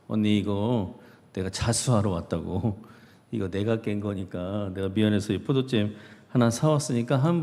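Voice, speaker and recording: A man's voice: mid-range voice, vocal fry, mellow. A male pastor preaching a sermon, telling a story conversationally and asking the congregation rhetorical questions. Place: church sanctuary. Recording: reverberant church hall.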